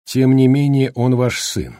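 A man voicing a calm, measured male doctor in an audiobook thriller, speaking in a slightly raised, husky voice. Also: medium pitch, no echo, clean studio sound, pitched above the performer's own voice, close to an everyday voice. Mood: calm explaining. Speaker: doctor in the story. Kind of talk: audiobook character reading.

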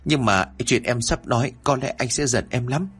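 A man's voice: mid-range voice, moderate pace, fairly bright tone, lightly acted. A man voicing a frightened, guilt-ridden young mother who pleads and apologizes in a horror story. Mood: pleading.

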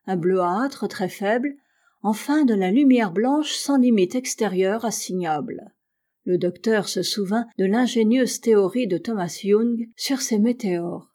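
A woman reading a classic novel aloud as an audiobook narrator, measured and even. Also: mid-range voice. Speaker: audiobook reader.

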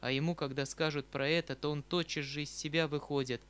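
Audiobook: male reader voicing a proud earnest young woman, slightly raised pitch. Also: fairly even intonation, a little fast, a bit bright, clean tone, lightly acted. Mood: worried.

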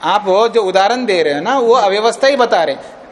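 A man's voice: sits high, lively intonation, brisk, slight background noise. A man with an Indian accent teaching philosophy, arguing points firmly and patiently in a classroom debate. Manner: firm, patient, repeats points.

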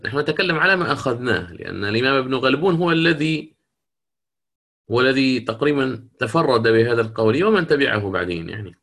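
Man teaching recitation in slow, drawn-out demonstrations. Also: mid-range voice, a bit bright. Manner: explains rules then models words in slow drawn-out recitation; asks the class questions and answers them himself. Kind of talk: recorded lecture on Quranic readings.

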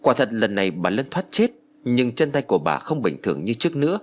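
A man narrating a ghost story from a script in an expressive, dramatic way. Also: medium pitch, brisk. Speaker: audiobook narrator. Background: background music.

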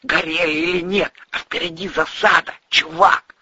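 A man voicing a jumpy, nicotine-starved young male slacker who talks in high, whiny slang. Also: sing-song, normal speed, vocal fry, highs cut off, noisy background, heavily acted. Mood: jittery.

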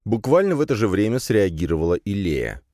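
Male first-person narrator, deep and expressive, dry studio read. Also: fairly quick, dry recording. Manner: steady first-person storytelling. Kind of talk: fantasy audiobook narration.

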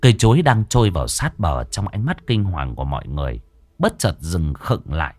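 A man's voice: low voice, very animated, a little fast, darkish tone, no echo. A man narrating a village horror story in a dramatic, ominous way.

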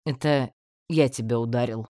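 A reader voicing a stern, prim male mage in an audiobook, measured and lofty. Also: mid-range voice, dark tone, no echo, studio quality, close to an everyday voice.

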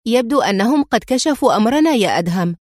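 A woman's voice: fairly high pitch, animated, quick pace, darkish tone, dry recording, clean studio sound. A woman voicing an anxious young female agent who sounds doubtful and agitated, in a storybook reading.

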